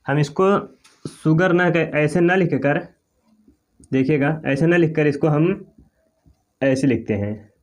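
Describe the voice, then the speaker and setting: A man from India teaching English pronunciation in a slow, repetitive classroom manner, checking in with "okay" after each point. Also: a little high. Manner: slow, repetitive, often says "okay" and "clear".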